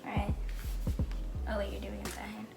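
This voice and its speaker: A woman's voice: medium pitch, monotone, normal speed, gravelly. A woman hosting a kids' challenge video, chatting casually and playfully as she plays along. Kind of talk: casual playful game chat. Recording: echoey room with loud music.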